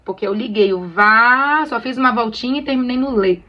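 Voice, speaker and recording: A Brazilian woman gently teaching church choir singers to read sheet music, often checking they follow along. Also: a little high, fairly quick, highs cut off. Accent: Brazilian Portuguese. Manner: friendly, explains patiently with many "tá bom?" checks. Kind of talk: casual tutorial on reading sheet music.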